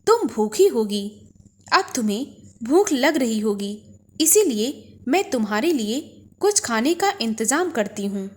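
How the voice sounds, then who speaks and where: A woman's voice: fairly high pitch, big pitch swings, a little slow, darkish tone. A woman storyteller voicing an old sorceress who pretends to be a kindly granny, in a coaxing, falsely affectionate way. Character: old sorceress posing as a sweet-talking granny.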